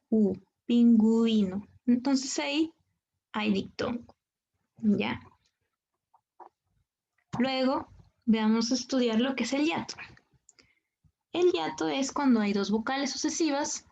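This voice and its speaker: Peruvian woman teaching slow and patient, kinda high voice, dull lo-fi sound. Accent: Peruvian Spanish. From Peru. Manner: patient, adds "¿no?" after each point. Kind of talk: explaining grammar to students.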